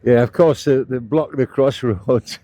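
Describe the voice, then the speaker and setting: A middle-aged British man narrates his scooter ride along the roads outdoors, talking casually and plainly as a motovlogger. He speaks a little slowly in a mellow, medium-pitched voice, and there's no echo.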